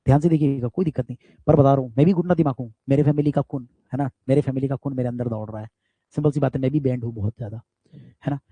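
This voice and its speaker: Indian guy teaching physics online, talks quick n forceful, husky dark voice, dry sound. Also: mid-range voice, no room sound, phone-quality sound. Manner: emphatic, talks straight to students with repeated tag questions; loud forceful speaker. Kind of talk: motivational aside in an online class.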